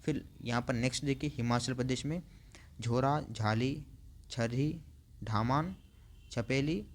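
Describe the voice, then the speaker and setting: Man reading lists in an online class. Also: mid-range voice. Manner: reads out lists, adds frequent "theek hai" fillers; slows down to spell out hard names. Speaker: teacher.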